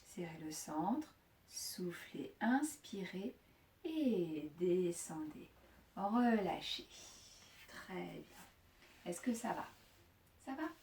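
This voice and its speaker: A woman fitness instructor guiding a Pilates class, calmly cueing each breath, with joking asides now and then. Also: mid-range voice, slow, long pauses, slight background noise. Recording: echoey room, voice from far off.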